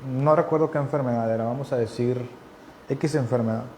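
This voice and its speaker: A man's voice: medium pitch, fairly quick, warm tone, a little hiss or hum. A man preaching a sermon in an earnest, conversational way, repeating key phrases for emphasis. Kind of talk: sermon teaching.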